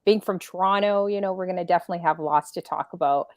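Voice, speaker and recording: A woman hosting a talk show, chatty, shouting out viewers and asking leading questions. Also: lowish voice, quick pace, no room sound, clean studio sound. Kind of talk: casual interview chat.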